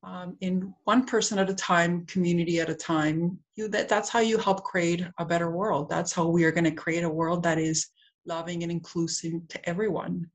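A middle-aged woman from Peru talks as a podcast guest in a fairly low voice. She is chatty and relaxed, filling her sentences with fillers as she goes. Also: moderate pace. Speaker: guest, centre co-owner. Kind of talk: casual interview talk.

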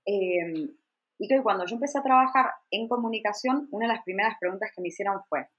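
A woman's voice: mid-range voice, brisk, lo-fi sound. A woman in her forties with an Argentine accent, chatting reflectively as a podcast guest and using frequent fillers. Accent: Argentine Spanish. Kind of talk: casual conversation.

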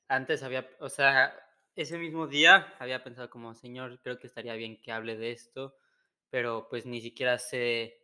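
A man's voice: mid-range voice, bright, forceful tone, smooth. Earnest man reading scripture. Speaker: co-host and preacher. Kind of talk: casual chat and Bible reading.

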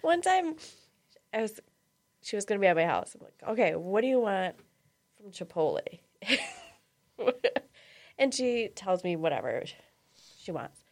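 A woman's voice: medium pitch, sing-song, a little slow, long pauses. A middle-aged woman hosting a podcast, telling stories in casual chat and laughing often. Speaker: podcast host.

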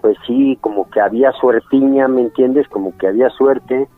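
A man's voice: medium pitch, normal speed. A man, an interview guest who speaks candidly and chuckles often. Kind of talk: candid casual chat. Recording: tinny phone-like audio with faint music.

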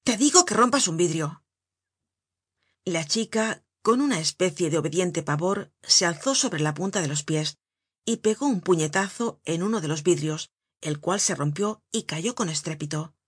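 A woman reading a novel aloud in measured, even audiobook narration. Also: on the low side, slightly rough, no room sound, studio quality.

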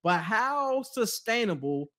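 A man's voice: sits high, big pitch swings, slow pace, a bit bright. A man co-hosting a sports talk show, chatting casually about basketball, laid-back and slangy, laughing often. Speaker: sports podcast co-host.

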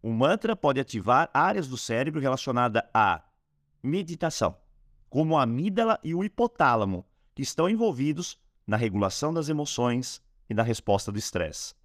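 A man's voice: medium pitch, no room sound. Guy teaching a meditation thing, voice goes up and down a lot, dry close sound. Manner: lively, rising and falling delivery, slowing on mantras. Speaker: host teaching a spiritual technique. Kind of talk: calm instructional talk.

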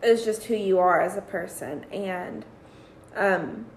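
Hoarse, talkative woman in middling pitch, heartfelt casual chat in a roomy space. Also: slow pace, slight background noise. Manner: chatty, heartfelt, many fillers. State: hoarse from yelling. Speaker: teacher, guest interviewer. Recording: echoey room.

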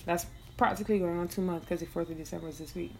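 Bajan woman rambling on her podcast, kinda low and gravelly, swears a lot, laughs easy. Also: steady tone, rapid-fire, slight background noise. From Barbados. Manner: loose, profane, laughing. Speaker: podcast host. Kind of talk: casual solo podcast chat.

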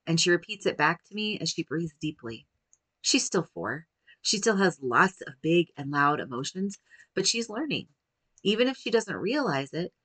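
A woman, likely in her thirties, giving a gentle, measured talk that teaches parents how to calm young children. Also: on the low side, no echo.

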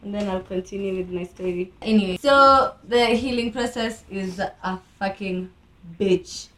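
A young Kenyan woman hosting a casual podcast chat, her speech slightly impeded by a new tongue piercing, animated and slangy. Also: medium pitch, unhurried. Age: young adult. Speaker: podcast host.

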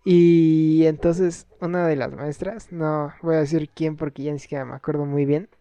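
Mellow Mexican man, slangy storytelling. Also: a little high, flat delivery, moderate pace, clean tone, no echo, dull audio. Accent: Mexican Spanish. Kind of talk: casual chat.

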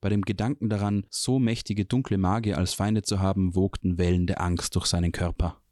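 A man reading a fantasy novel chapter aloud in a calm, even storytelling manner. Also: low voice, a little fast, dry recording, studio quality. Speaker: audiobook reader. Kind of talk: scripted narration of a fantasy novel.

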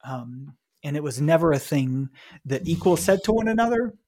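Man, podcast co-host, slightly higher voice, casual chat, emphatic reading. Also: expressive, normal speed, a little mellow. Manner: conversational, reads scripture aloud with emphasis.

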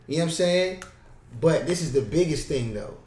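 Brief: higher-pitched male podcast co-host, lively, slangy, basketball coach, recorded roomy and a bit off-mic. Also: moderate pace, recorded from a distance. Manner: animated, playful, slangy, acts out bench banter. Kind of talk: casual podcast chat.

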